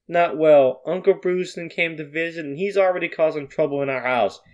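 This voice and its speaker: A man's voice: fairly high pitch, moderate pace, a little mellow, lo-fi sound, natural voice. A man voicing a fussy, put-upon cartoon mug-headed young man while reading his fan script.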